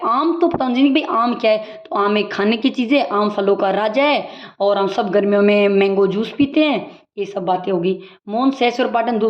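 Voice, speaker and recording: Higher-voiced woman teacher, lo-fi. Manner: brisk recap, explaining with examples. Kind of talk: exam-prep lecture. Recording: dull lo-fi audio.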